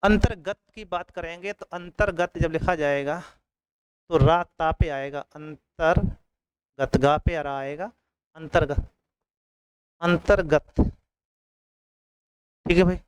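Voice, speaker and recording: A man's voice: on the high side, moderate pace, clear, resonant tone, no room sound, low-quality recording. A man teaching an exam coaching lesson, repeating each word and often checking in with his students.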